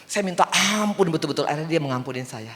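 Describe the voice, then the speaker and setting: A woman's voice: sits low, fast. A woman evangelist giving a sermon in a large church, telling stories and putting questions to the congregation. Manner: lively storytelling, asks the congregation questions. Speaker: evangelist preacher. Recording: long church-hall reverb.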